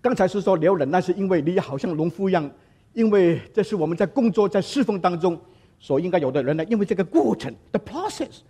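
A man preaching a sermon, telling lively stories and dropping words into his talk. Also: high-pitched, quick pace, slightly rough. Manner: lively storytelling, mixing in English words. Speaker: pastor.

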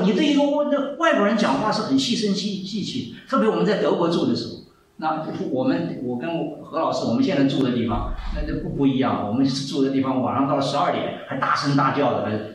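A man's voice: on the high side, a little hiss or hum. Man in his seventies preaching animatedly. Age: 70s. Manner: animated storytelling, repeats phrases. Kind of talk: sermon. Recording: echoey hall, mic far off, faint ambience.

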